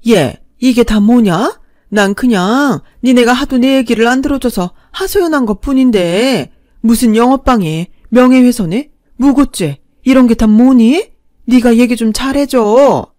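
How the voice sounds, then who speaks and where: A woman voicing a pushy, shameless older stepmother-in-law who nags and wails loudly. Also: a little high, expressive, normal speed, no echo, clean studio sound, close to an everyday voice. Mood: pleading. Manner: loud, wailing, nagging.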